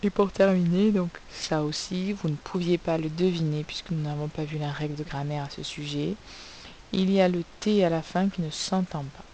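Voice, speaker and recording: A woman's voice: sits low, fairly even intonation, normal speed, mellow, slight background noise, low-quality recording. A woman teaching a recorded phonics lesson to young pupils, spelling out sounds letter by letter. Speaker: primary school teacher.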